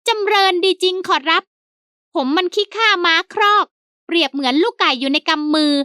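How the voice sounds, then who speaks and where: A woman's voice: extremely high pitch, moderate pace, pushed and bright, no echo, clean studio sound, pitched above the performer's own voice. A woman voicing a cheeky, sulky male house servant from an old comic novel, who keeps slipping in a stock word of deference. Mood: sulky, pleading.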